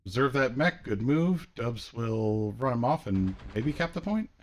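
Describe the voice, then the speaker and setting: A man's voice: mid-range voice, expressive, a little slow. A man casually commentating a live game match in a laid-back way, his voice echoing with reverb.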